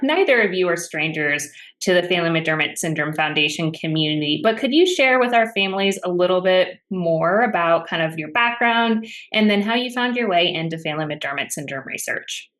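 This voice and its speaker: A woman in her thirties hosts a podcast over a webcam from a room at home, her voice sitting a little low. She introduces guests and asks questions in a friendly, upbeat way. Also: lively intonation, moderate pace, fairly bright tone. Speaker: podcast host. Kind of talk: podcast interview hosting. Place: home room with framed pictures, indoors. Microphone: video call webcam.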